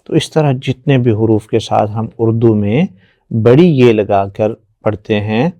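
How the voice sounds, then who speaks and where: A man teaching children their letters, patient and encouraging, often praising and drilling slow repetitions. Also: fairly low pitch, mellow, no echo, dull audio. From Pakistan. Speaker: Quran teacher.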